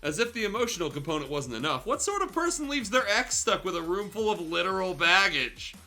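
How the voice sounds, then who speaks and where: A high-pitched, very animated man delivers a comic, theatrical fan fiction reading as a livestream guest host, peppering it with irreverent swearing. His tone is sharp and his pace fairly quick, with music underneath.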